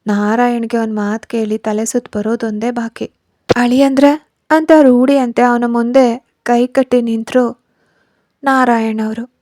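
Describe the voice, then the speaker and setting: A woman narrating a romance story with steady, even pacing. Her voice is fairly high but mellow, with little rise and fall. It is recorded close and dry. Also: a little slow, dry recording.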